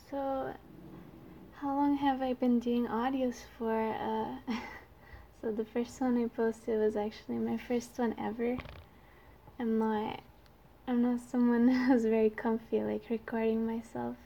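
A young woman with a youthful, lightly high voice and a Quebec French accent from her native French. She talks slowly in a casual, shy, hesitant way, as if chatting to her listeners. Some background noise sits behind her. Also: gravelly, mellow, muffled recording. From Canada. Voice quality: youthful-sounding voice. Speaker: amateur audio creator.

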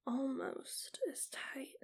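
A woman whispering slowly and teasingly in an ASMR roleplay, right up close to the mic. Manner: soft breathy whisper, slow and teasing. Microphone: close mic, right at the ear.

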